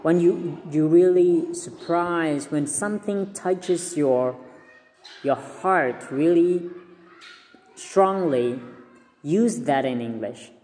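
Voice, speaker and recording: Speaking in a fairly high, mellow voice at a slow pace, the young Cambodian vlogger, a Khmer native, shares language tips in casual talk to camera. His earnest delivery has frequent repeats and restarts; the phone held at arm's length in a small room picks up a large-hall echo and slight background noise.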